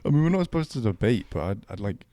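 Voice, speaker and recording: A man's voice: on the low side, big pitch swings, fast, warm tone, dry recording, dull audio. Laughing man on a casual podcast. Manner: laughing, stumbling restarts, slangy. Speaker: podcast co-host. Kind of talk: casual chat.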